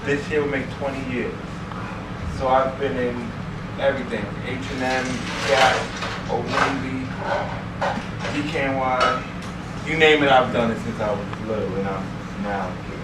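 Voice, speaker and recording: A man's voice: mid-range voice, fairly even intonation, measured pace. A man in his twenties from New York introducing himself casually, playful and correcting himself as he talks. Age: 20s. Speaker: participant at a storytelling circle. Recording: distant mic in echoey room, loud noise.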